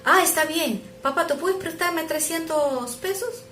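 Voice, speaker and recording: A woman's voice: a little slow, slight background noise. A woman voicing an eager, pleading little boy of about six in a story told within a sermon. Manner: high, earnest, excited asking. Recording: roomy echo.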